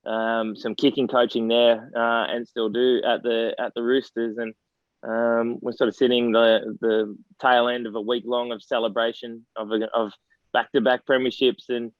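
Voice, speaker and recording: A man's voice: mid-range voice, level tone, moderate pace, dry recording. Australian man, 40s, chatty storyteller guest, dry dull recording. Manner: rambling storyteller, laughs through anecdotes. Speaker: interview guest, former footballer. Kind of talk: casual podcast interview.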